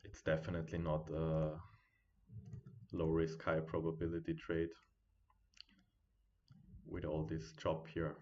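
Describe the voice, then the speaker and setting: A man at home giving live trading commentary, thinking aloud as he watches the charts and chats with his viewers, on a quiet built-in computer mic. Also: rumbling low, completely flat delivery, slow, long pauses, muffled recording. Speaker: day trading streamer.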